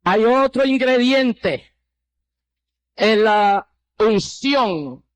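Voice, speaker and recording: Older male preacher; high, slow, impassioned testimony delivery, dry close sound. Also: expressive, clean tone, no echo. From Puerto Rico. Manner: impassioned, slow and drawn out, dropping low on quoted replies. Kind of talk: testimony sermon.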